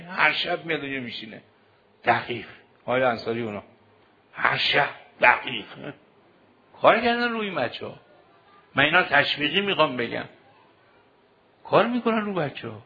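A man preaching a sermon to seminary students, exhorting them with rhetorical questions. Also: mid-range voice. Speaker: cleric teaching seminary students. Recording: dull lo-fi recording.

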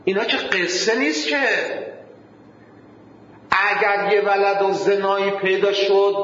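A male preacher giving a sermon with storytelling. He stretches key words out slowly and recites Arabic verses. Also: sits high, a bit bright. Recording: very echoey hall, muffled sound.

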